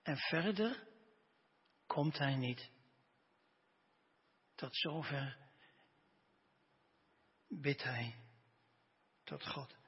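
A man delivers a sermon in a breathy, very husky voice pitched a little high. He speaks slowly and deliberately, leaning emphatically into the scripture he reads. The sound is dull and lo-fi, with a long reverb trailing off in a large hall. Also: lively intonation. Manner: slow, earnest, emphatic scripture reading. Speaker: preacher. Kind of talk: sermon with Bible reading.

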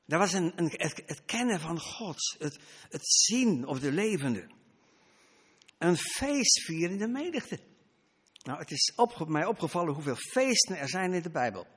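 A man's voice: on the high side, sing-song, moderate pace, a bit bright, slightly rough, big-room sound. A man preaching a sermon, emphatic, his voice rising and dropping for stress.

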